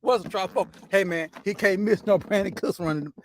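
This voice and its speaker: Profane fast-ranting male sports host. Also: sits high, slight background noise. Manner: loose, profane, says "man" constantly. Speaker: sports talk show host. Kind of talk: casual sports rant.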